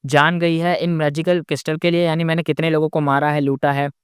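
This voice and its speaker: A man's voice: on the high side, level tone, a little fast, clean tone, no echo, clean studio sound, natural voice. A man playing a terrified, begging bandit. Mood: shocked. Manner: pleading, stammering, tearful. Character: beaten, frightened male bandit leader begging.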